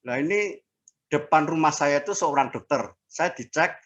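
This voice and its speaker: A man in his sixties giving a casual personal testimony as an interviewee, speaking haltingly with fillers and restarts. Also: a little high, a bit bright, dull audio. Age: 60s. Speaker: interviewee sharing a health testimony.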